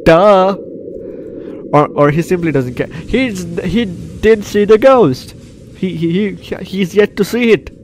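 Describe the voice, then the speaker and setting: This let's play comes from a flu-stricken gaming YouTuber with a high-pitched, darkish voice who speaks slowly over a slight hiss or hum. He jokes around, reads game text, repeats phrases, and trades banter with the characters.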